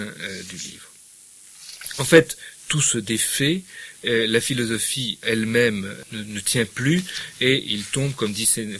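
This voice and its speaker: A middle-aged man lectures on a novel and reads long passages aloud with expression. His low voice is husky yet bright and forceful. When he comments between passages, he hesitates with fillers. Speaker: literature lecturer. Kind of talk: lecture with literary readings.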